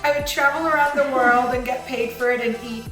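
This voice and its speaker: A woman from Hong Kong, a guest life coach, talking in a lively interview and often laughing as she tells stories. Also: sits high, brisk. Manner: lively, laughing storyteller who acts out other people's voices. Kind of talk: conversational interview. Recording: roomy echo with music underneath.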